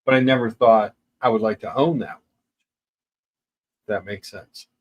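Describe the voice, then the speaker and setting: A middle-aged man with a fairly low, steady voice speaks at normal speed as co-host of a casual chat. He reads listener questions aloud and muses over them, sometimes restarting hesitantly.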